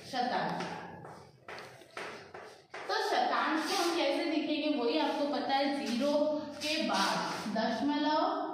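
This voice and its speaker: High-voiced woman teacher in an echoey room. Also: animated, background noise. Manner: asks pupils questions and answers them herself; slows down to read numbers digit by digit. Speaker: school math teacher. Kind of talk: classroom math lesson. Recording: echoey classroom, voice from far off.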